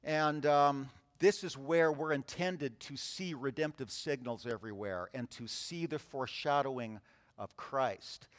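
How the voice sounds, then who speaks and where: A man preaching a sermon, reading scripture aloud and retelling it with lively, acted-out voices. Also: mid-range voice, unhurried, long reverb tail. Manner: animated storytelling, acts out voices in the scripture reading.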